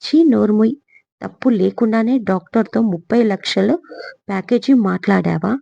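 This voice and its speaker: A woman's voice: medium pitch, normal speed, gravelly, warm tone, no echo. A woman voicing an angry young man who harshly accuses his aunt, in a lo-fi audio story. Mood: bitter accusing.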